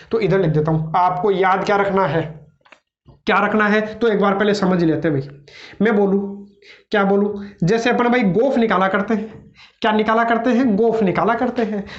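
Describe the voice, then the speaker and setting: A male math tutor teaching a lesson, who keeps asking rhetorical questions and answering them himself. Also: high voice. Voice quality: repeats his own questions with a drawn-out "bhai". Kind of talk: classroom math lecture. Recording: roomy, slightly dull lo-fi sound.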